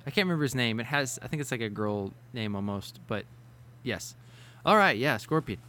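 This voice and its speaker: A man's voice: medium pitch, lively intonation, brisk, bright, forceful tone. A man running a casual quiz among friends, rambling with restarts and frequent laughs. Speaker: quiz host. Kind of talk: casual gaming chat.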